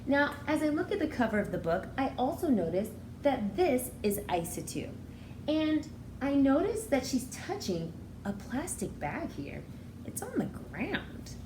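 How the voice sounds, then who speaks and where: Her voice sits high, with big pitch swings and a measured pace. She's a woman in her thirties reading a picture book to young children as a teacher, expressively and with explanations, in a small room indoors where the recording picks up roomy echo and faint background noise.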